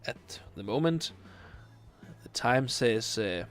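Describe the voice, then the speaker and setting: This Danish-accented streamer, a man in his late twenties from Denmark, speaks slowly in a mid-range voice with lively intonation. He chats casually through viewer questions during a late-night game stream, faint music in the background. His English comes haltingly, full of fillers while he gropes for words.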